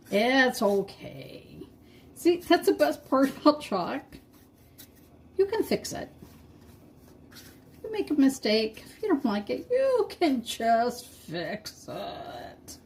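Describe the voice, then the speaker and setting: Middle-aged woman, live craft-stream host; unhurried, chatty, laughs at her own slips; faint noise behind. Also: a little high, huge pitch swings, a little mellow. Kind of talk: casual live-stream chat while painting.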